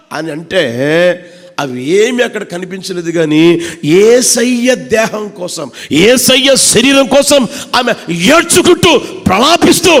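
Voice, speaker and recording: A pastor preaches a sermon to his congregation. He swings between shouted peaks and hushed low lines, repeating phrases and addressing his listeners directly. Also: gravelly. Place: church service. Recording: long church hall reverb.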